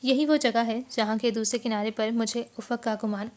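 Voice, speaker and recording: Woman audiobook narrator, slightly high voice, measured expressive storytelling. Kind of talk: scripted novel narration.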